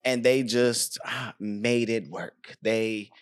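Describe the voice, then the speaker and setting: A man's voice: medium pitch, steady tone, takes it slowly, smooth. A man hosting a podcast, talking in a loose, rambling, casual way and swearing freely. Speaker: podcast host.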